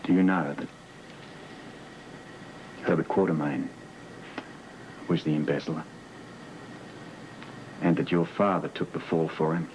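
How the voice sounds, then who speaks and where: An actor playing a suspicious, insistent man in a television soap, speaking deliberately and probingly, like someone confronting a person with secrets. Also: rumbling low, fairly even intonation, background noise. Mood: probing, accusing. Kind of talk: television soap opera acting. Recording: music under dialogue, old TV soundtrack.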